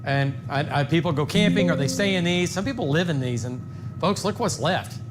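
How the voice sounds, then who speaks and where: An expressive American man with a voice on the high side anchors live severe weather coverage briskly, over music. He speaks off the cuff in a folksy, emphatic way, repeating phrases for stress, and background noise is noticeable.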